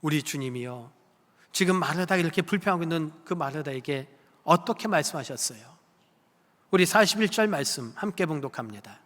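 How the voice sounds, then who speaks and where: Bright-voiced man preaching in a hall. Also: on the high side, expressive, brisk. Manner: emphatic, asks the congregation questions. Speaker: pastor. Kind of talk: sermon. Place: church sanctuary. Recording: long church hall reverb.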